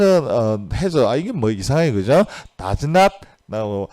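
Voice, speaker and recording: A man teaching English grammar in a video lecture, explaining step by step and often checking with "right?" and reading English example sentences slowly. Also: medium pitch, darkish tone. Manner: explanatory, asks "그죠?" for agreement.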